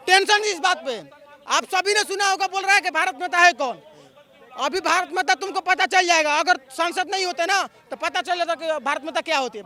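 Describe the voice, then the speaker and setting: High, bright, sharp-edged male voice, heated rhetorical talk, city street interview. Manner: fiery, rhetorical, chant-like slogans. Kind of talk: heated political vox pop.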